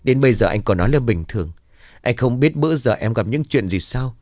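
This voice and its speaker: An anxious, gentle young mother, put on by a man who lifts his voice into a pleading tone. The delivery swings widely, recorded dry and close. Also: medium pitch, lively intonation, fairly quick, dry recording, pitched above the performer's own voice, natural voice. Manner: raised pleading tone.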